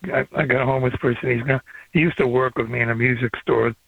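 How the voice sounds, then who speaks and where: An older man calls in on an old flip phone line that sounds thin and tinny and has no room sound at all. His voice is gravelly and husky, and he rambles from one topic to the next. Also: mid-range voice, steady tone, fast talker, no room sound. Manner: rambling, hops between topics. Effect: old flip phone call. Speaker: caller. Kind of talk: casual call-in chat. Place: outdoors.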